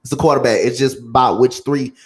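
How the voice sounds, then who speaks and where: A man's voice: medium pitch, a little fast. A man talking sports from a car, insistent and repeating his point. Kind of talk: casual sports chat.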